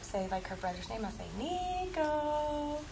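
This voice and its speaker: A woman's voice: on the high side, fast, very noisy. A young mother talking casually and playfully with her baby and a reporter, with a sing-song manner.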